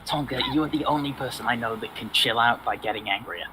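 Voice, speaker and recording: A man's voice: medium pitch, a little fast, bright, forceful tone, slight background noise, poor audio. A man co-hosting a casual chat show, cracking dry, sardonic jokes. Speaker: co-host.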